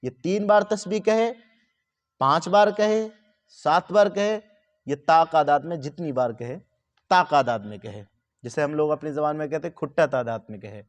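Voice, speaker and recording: High-voiced man teaching prayer steps. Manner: patient, repeats and spells out sounds. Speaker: religious teacher. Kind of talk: religious instruction talk.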